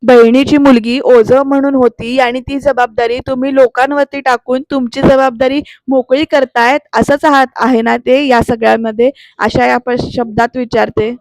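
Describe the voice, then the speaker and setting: A woman's voice: high-pitched, flat delivery, moderate pace, a little mellow, no room sound. A woman recapping a TV serial episode in a chatty way, addressing viewers directly with frequent tag fillers.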